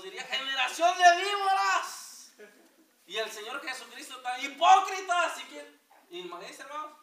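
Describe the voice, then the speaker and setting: A fervent male pastor preaching to his congregation, his high, bright voice carrying through a reverberant church. He is picked up from a distance, with a steady hiss under the sound. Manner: fervent, addresses congregation as brothers. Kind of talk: sermon. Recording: echoey hall from far off, hiss.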